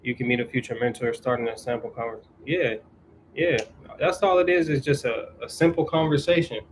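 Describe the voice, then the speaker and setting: A young man hosting a casual chat on his channel, giving viewers advice in a relaxed way and repeating his key points. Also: mid-range voice, brisk, slight background noise, low-quality recording. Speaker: YouTube host answering viewers.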